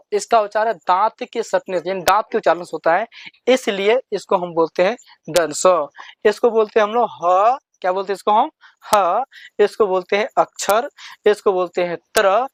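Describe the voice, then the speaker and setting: This reading lesson comes from a man whose high voice has a fairly bright tone, recorded without room sound. Addressing children slowly and with lots of repetition, he asks questions about letters and answers them himself.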